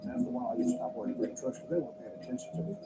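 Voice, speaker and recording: A man's voice: medium pitch, lively intonation, rapid-fire, loud music behind the voice. A man in a documentary interview telling the story of his own career in a blunt, salty, casual way. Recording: noisy background hiss.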